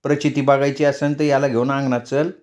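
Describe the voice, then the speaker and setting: A man's voice: medium pitch, flat delivery, brisk, a little mellow, close to an everyday voice. Man doing an earnest young village girl.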